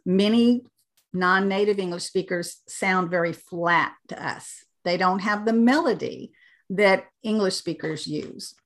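A woman's voice: medium pitch, unhurried. A middle-aged woman from the American South with a light Southern accent, talking animatedly as an interview guest. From Southern United States. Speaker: guest, accent reduction teacher. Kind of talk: casual interview talk.

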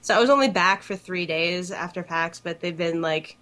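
A woman co-hosts a podcast in a casual, giggly way. Her voice sits a little low, and her sentences are loose and full of filler words. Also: normal speed, bright, forceful tone. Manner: giggly, peppers talk with "like". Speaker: podcast co-host. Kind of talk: casual chat.

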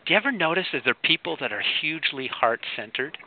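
A man's voice: a little high, very animated, quick pace. A man speaking earnestly and emphatically in a conversational talk, like a coach. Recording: tinny phone-like audio with faint noise.

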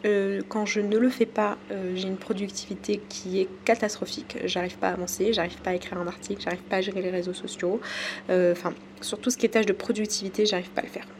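A French woman hosting her own podcast, talking casually with many pauses and fillers. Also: mid-range voice, level tone, slight background noise. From France. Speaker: podcast host. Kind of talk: casual solo podcast talk.

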